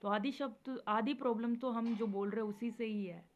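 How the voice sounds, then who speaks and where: A woman hosting a spiritual advice talk, speaking gently and often checking in with her listeners. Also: fairly high pitch, fairly even intonation, moderate pace. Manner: gentle, repeats "theek hai" often. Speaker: spiritual video host. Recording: dull lo-fi recording with faint noise.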